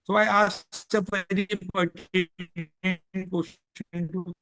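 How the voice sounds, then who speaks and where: A male lawyer with an Indian English accent explains things in a measured way, using "basically" a lot, while his video call audio glitches and cuts out. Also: high voice, level tone, bright, forceful tone, no echo. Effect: glitching, cutting-out call audio.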